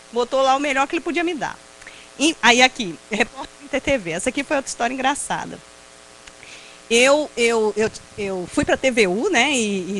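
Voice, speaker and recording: Brazilian woman, Brazilian Portuguese accent, fairly high voice with a swooping, expressive pitch, testimony speaker who laughs easily and acts out the quotes. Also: a little hiss or hum, low-quality recording. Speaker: invited speaker at a prayer group. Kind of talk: personal testimony talk.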